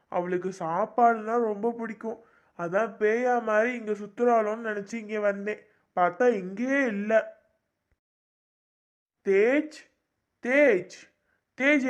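A woman acting in an amateur horror drama, calling out worriedly. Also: on the high side.

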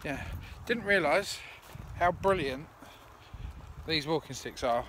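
Man, thirties, chatty and rambling, filmed on a phone in the woods, background noise clearly audible. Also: fairly high pitch, lively intonation, takes it slowly, fairly bright tone. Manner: rambling, many ums, chatty. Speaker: outdoors vlogger. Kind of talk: casual vlog narration. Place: woodland campsite and path outdoors. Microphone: phone camera held at arm's length.

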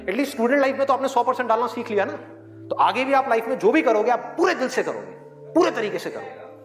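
A man's voice: extremely high pitch, big pitch swings, fast. A man giving a live motivational talk to students, asking rhetorical questions in a playful way. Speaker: motivational speaker. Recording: echoey hall, live audience, faint music.

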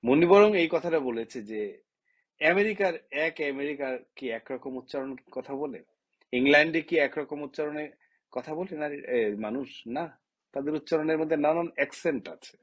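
A man's voice: fairly high pitch, moderate pace. A man from Bangladesh, a writer, giving a direct-to-camera opinion talk full of impassioned rhetorical questions.

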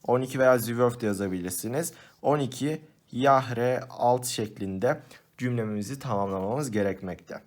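A man's voice: mid-range voice, normal speed, darkish tone. A man explaining exam questions in a patient, step-by-step lesson voice-over. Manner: patient, step-by-step explaining, addresses students as friends. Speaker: teacher. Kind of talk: exam-prep lesson walkthrough.

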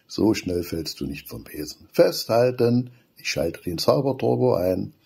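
A man voicing a playful young girl witch in a read-aloud children's story, with a lively storybook voice. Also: fairly low pitch, a little slow, breathy edge, exaggerated voice.

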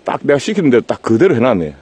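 A man with a Gyeongsang Korean accent talks casually outdoors, with a husky, mellow voice. His pitch jumps around a lot as he stammers, rambles and jokes with his viewers. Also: sing-song, very fast. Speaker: vlogger and live streamer. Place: outdoors in a rural garden.

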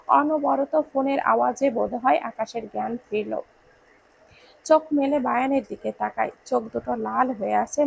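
A woman narrating an emotional romance story in a slow, tender, dramatic way. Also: fairly high pitch, gravelly, a little mellow, husky, low-quality recording.

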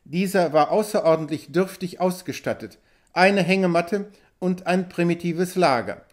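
A man's voice: high-pitched, normal speed. Man narrating an adventure audiobook. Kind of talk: scripted narration.

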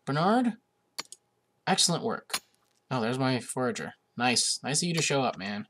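Medium in pitch and fairly bright, a young man talks at a normal speed but very animatedly through casual gaming commentary. He's recovering from a cold and a bit sniffly, chatty and amused, with many hesitant uhs. A little hiss or hum sits under the recording.

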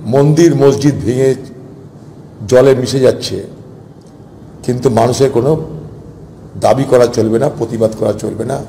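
A man's voice: medium pitch, warm tone. A man giving an emphatic political speech, piling up repeated phrases. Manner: emphatic, repetitive rhetorical lists. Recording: faint noise, long reverb.

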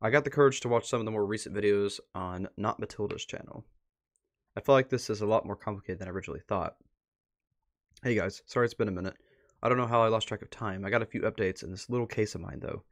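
Indoors at his computer, a man hosts a casual livestream, reading posts aloud and muttering asides to himself. His voice is fairly low and he talks fast.

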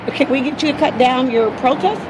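High-pitched and fairly quick, a resident of the area argues with a protester out on a city street next to passing traffic. This American woman negotiates insistently, repeats herself a lot, and keeps interrupting. The audio comes from a handheld phone camera and is noisy.

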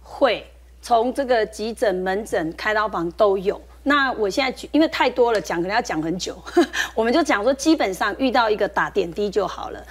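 A woman with a Taiwanese Mandarin accent, a nurse guest on a talk show, explaining briskly with a laugh now and then. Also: medium pitch, lively intonation.

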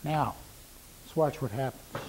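This woodworking instructor is middle-aged, with a medium-pitched voice and a slightly slow delivery. He shows cuts in his shop among power saws, speaking plainly and restating points for emphasis, and his lapel mic picks up heavy background noise.

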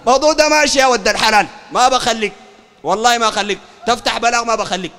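A man with a Sudanese Arabic accent preaches in a heated polemical lecture, his voice pitched unusually high and rushing along. He argues fiercely and keeps pressing his listeners to confirm they follow. A long hall reverb trails after his words. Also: sharp tone. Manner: fiery, keeps asking "understand?", raises his voice. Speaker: sheikh.

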